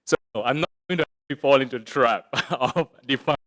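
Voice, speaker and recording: A man's voice: mid-range voice, normal speed, fairly bright tone, dry recording, clean studio sound. A man from Singapore, giving a musing, conversational talk on poetry that includes a reading, and often asking his audience a rhetorical "right?". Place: arts center lecture room.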